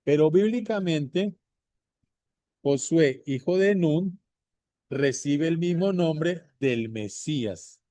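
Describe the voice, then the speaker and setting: Male Bible teacher, unhurried and repetitive, dark mellow tone, dry close sound. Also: on the high side, expressive, dry recording. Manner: repeats points slowly, addresses viewers directly. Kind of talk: slow deliberate bible teaching.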